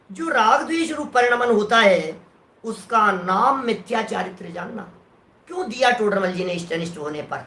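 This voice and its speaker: A man lecturing on scripture with a bright, forceful voice. He explains step by step and keeps asking whether the point has landed. The recording has a roomy echo. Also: very high-pitched. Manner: explanatory, often checks that listeners follow. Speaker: scripture teacher.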